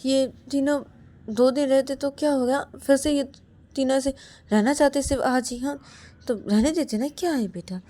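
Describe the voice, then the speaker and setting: A woman voicing a middle-aged mother who gently persuades her son in a spoken story. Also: high-pitched, moderate pace, pitched above the performer's own voice, lightly acted. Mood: coaxing. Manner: soothing, persuasive.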